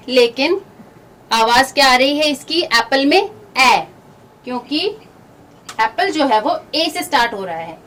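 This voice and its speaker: Woman phonics teacher, high voice, slow patient explaining, distant mic, faint hiss. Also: a bit bright. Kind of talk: phonics lesson for children.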